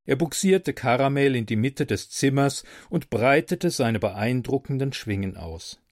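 Brief: male audiobook narrator, unhurried, wry and expressive, dry close mic, mid pitch. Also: dry recording. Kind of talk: first-person fantasy audiobook narration.

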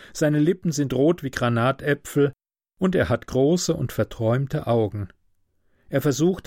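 A man reading a fairy tale aloud in a calm, unhurried storybook manner. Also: mid-range voice, dry recording, studio quality.

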